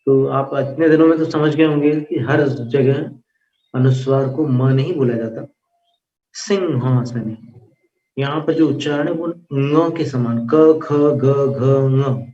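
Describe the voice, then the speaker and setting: A man's voice: mid-range voice, fairly even intonation, warm tone. Man chanting and teaching pronunciation. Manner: alternates chanted verses with quick explanations. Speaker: recitation teacher. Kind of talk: teaching Sanskrit hymn pronunciation. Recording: echoey, dull, distant mic.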